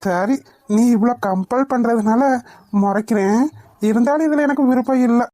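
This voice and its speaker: A playful, lovestruck young man teases his sweetheart in a cartoon, as a woman voices him. The voice is fairly high for a man and has a dry, close sound. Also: moderate pace, mellow, dry recording, natural voice. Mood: affectionate. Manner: teasing, affectionate. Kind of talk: cartoon voice acting.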